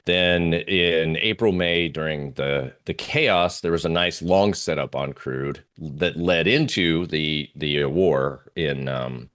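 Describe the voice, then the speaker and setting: This very deep, fairly bright male voice moves at a slow pace with hardly any pauses. He's an oil trader on as an interview guest, presenting charts in a casual, hesitant way and thinking aloud as he goes.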